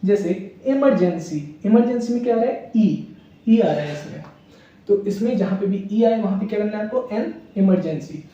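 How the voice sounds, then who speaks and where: In a classroom grammar lesson, a male English teacher steps through examples by asking questions and answering them himself, again and again. His high, mellow, dark-toned voice is expressive at a moderate pace, but the sound is dull, distant and heavily echoed.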